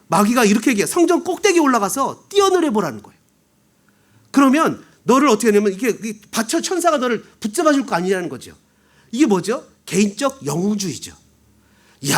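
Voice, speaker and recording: Male pastor, high voice, very animated delivery; storytelling sermon, acts out the voices he quotes, humorous asides. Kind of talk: Sunday sermon. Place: church sanctuary.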